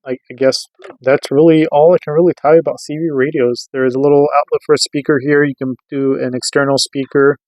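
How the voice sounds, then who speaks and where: This gear review comes from the man who hosts a radio gear review channel; he's casual and hands-on, explaining informally with frequent rhetorical check-ins. His medium-pitched voice is a little mellow. The recording is rough, though without echo.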